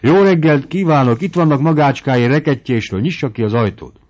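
A man's voice: mid-range voice, darkish tone, pitched above the performer's own voice, lightly acted. A man voicing a jovial middle-aged country doctor who calls out a cheerful greeting, in dull lo-fi audio.

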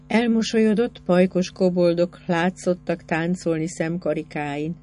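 A woman narrating a novel in an expressive literary reading, with lively rises in pitch. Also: soft background music. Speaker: audiobook narrator.

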